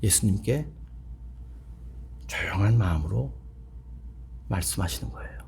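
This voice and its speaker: A man's voice: low-pitched, animated, a little slow, gravelly, darkish tone, slight background noise. A middle-aged male pastor preaching a revival sermon in a church, telling a story earnestly and acting out the dialogue.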